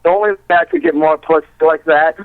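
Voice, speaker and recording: A young man with a fairly high voice rants and jokes in crude, profane banter as a podcast co-host. The sound is thin and tinny, like it comes over a phone line. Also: fast, dry recording. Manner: ranting, profane, animated.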